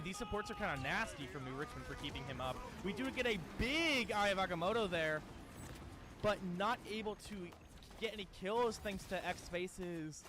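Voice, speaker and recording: A man's voice: high-pitched, background noise. Laid-back, slangy esports caster guy. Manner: laid-back and chatty, calls people "bro" and "dude", trails off with fillers. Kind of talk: casual play-by-play game commentary.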